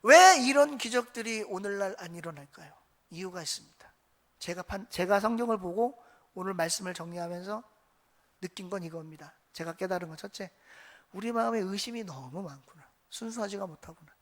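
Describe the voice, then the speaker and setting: A man's voice: high-pitched, lively intonation, brisk, fairly bright tone. A man preaching a Sunday sermon as pastor, telling a story and acting out quoted voices, asking the congregation rhetorical questions. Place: church sanctuary. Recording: long church reverb.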